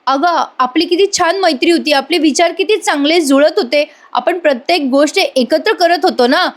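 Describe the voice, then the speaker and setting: A woman voicing a scheming young wife who pleads in a high, whiny tone. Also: moderate pace, natural voice. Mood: pleading.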